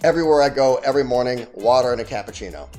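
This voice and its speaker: Chatty male travel vlogger, mid pitch. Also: rapid-fire, faint music behind. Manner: chatty, animated storytelling with fillers. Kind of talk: casual travel vlog narration.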